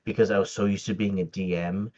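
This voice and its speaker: A fast-talking man with a low, steady, slightly mellow voice appears on a lo-fi recording. He's a Tagalog-first podcast guest in a casual interview chat. Hesitant and often laughing, he relies on lots of fillers and restarts.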